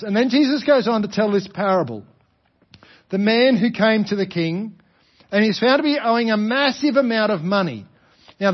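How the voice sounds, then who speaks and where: Aussie guy preaching a sermon, high pitched voice, explains stuff w questions and repeats, kinda dull lo-fi audio. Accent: Australian. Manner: explanatory, with rhetorical questions and deliberate repetition for emphasis. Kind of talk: sermon, explaining a parable to a congregation.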